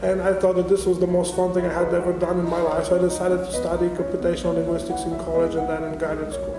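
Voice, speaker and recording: A man from Bulgaria speaks in a high, level voice with little rise and fall, explaining the competition in measured interview answers. The room rings around him, and music plays underneath. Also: monotone. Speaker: linguistics olympiad organizer. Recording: roomy sound with music underneath.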